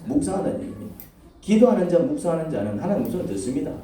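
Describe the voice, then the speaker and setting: A man preaches a sermon to his congregation, tossing out questions and pausing for answers. His voice sits a little high but sounds dark and mellow. It comes from across a very echoey church sanctuary with a faint hum behind it. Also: sing-song, far from the mic. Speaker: pastor.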